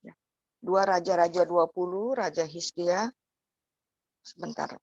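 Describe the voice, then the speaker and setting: A woman with a lowish voice gives a sermon in a chatty, conversational manner. She keeps checking in with her listeners and addresses them directly. The sound is close and dry, with no room echo. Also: unhurried, a little mellow, dull audio. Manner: conversational preaching, tags phrases with "ya", addresses the congregation directly. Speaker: preacher.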